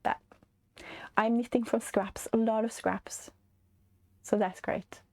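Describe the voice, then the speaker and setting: A Norwegian woman in her forties with a stuffy, congested voice, chatting casually as a knitting vlog host, hesitant with many fillers and soft laughs. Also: fairly high pitch, fairly even intonation, slow pace. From Norway. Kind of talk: casual chat.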